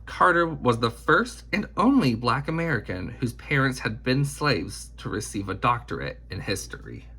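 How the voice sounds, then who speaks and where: A man with a medium-pitched voice tells a children's biography in an expressive storytelling style. His phrasing is measured and deliberate.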